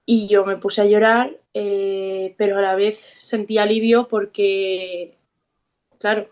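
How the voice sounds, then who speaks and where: A woman's voice: mid-range voice, flat delivery, takes it slowly. Candid woman with a Spain Spanish accent. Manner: frank, reflective, with soft hesitations. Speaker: interview guest. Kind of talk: candid personal storytelling.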